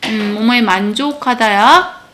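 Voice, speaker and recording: A woman's voice: a little high, unhurried, pushed and bright, a little hiss or hum. A woman teaching English to a class of children, explaining a text line by line and often checking that her pupils follow.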